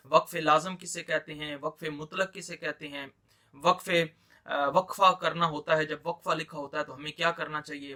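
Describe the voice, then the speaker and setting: A man with an Urdu accent explains a reading lesson. His voice is fairly high and very bright. He speaks patiently and repeats key points for emphasis. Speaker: Quran teacher.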